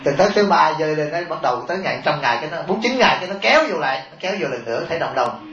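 A man's voice: fairly high pitch, animated, rapid-fire, a bit bright. A man, a Buddhist monk giving a humorous sermon, often chuckling and asking his listeners rhetorical questions. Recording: echoey, dull taped sermon recording.

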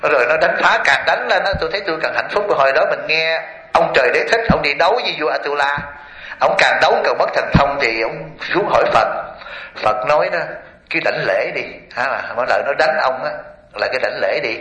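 Lively monk preaching. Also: male voice, on the high side, brisk. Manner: lively, keeps quizzing the audience with rhetorical questions; chuckles often while storytelling. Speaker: Buddhist monk teacher. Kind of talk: sermon to a lay audience. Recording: echoey hall.

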